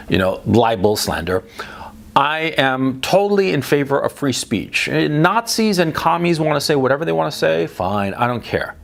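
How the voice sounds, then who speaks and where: A man who grew up between Chile and the United States delivers a blunt opinion monologue in a gravelly, mid-pitched voice. He stresses points by repeating them and keeps checking in with "right?", stumbling over his own restarts. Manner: speech full of restarts and tag questions. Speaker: political commentator.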